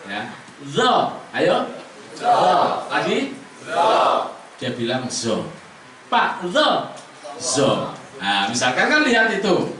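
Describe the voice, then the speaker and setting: Lively male teacher in an echoey room. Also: a little high, takes it slowly, pauses often. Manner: animated, teasing, coaxing students. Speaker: Quran reading teacher. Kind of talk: classroom teaching with adult students. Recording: echoey room, distant mic, room noise.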